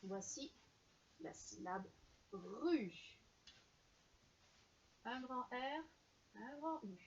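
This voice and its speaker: A woman teacher giving a slow, clear reading lesson to young children and carefully sounding out each syllable. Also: fairly high pitch, expressive, lo-fi sound.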